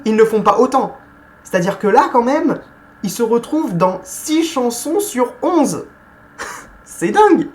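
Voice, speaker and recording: A woman giving a casual film review, chatty and hesitant, often pausing with fillers and correcting herself. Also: medium pitch, darkish tone.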